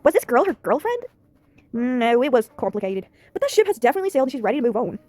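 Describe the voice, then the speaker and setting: A woman's voice: high voice, sing-song, quick pace, darkish tone, faint music behind. A woman voicing a friendly, chatty small-town woman in a story game, reading her lines upbeat and confiding.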